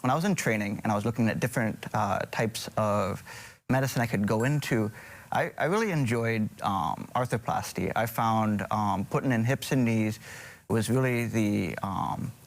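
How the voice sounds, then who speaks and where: A man's voice: fairly low pitch, moderate pace, vocal fry. A middle-aged man from Hawaii, a surgeon guest on a morning TV show, speaking hesitantly with many ums and restarts.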